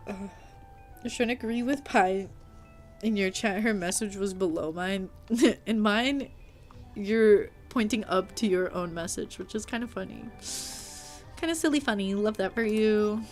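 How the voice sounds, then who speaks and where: A woman's voice: mid-range voice, measured pace, soft background music. Chatty, playful woman streamer. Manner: chatty and playful, teasing her chat and poking fun at herself; animated, with frequent filler "like" and mild swearing. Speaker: live streamer. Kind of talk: casual live-stream chat while playing a game.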